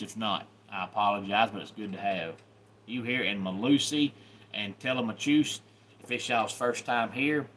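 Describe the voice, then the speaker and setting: A Southern US man hosts a casual YouTube live stream, greeting viewers by name in a folksy, welcoming way. His voice is fairly low, bright and forceful, with a little hiss or hum on the recording.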